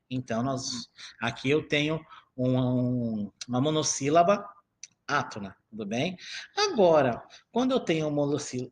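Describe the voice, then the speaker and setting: A male teacher giving a recorded lesson over slides. He checks in often with "tudo bem?" and restarts phrases as he explains. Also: a little high. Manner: hesitant restarts while explaining.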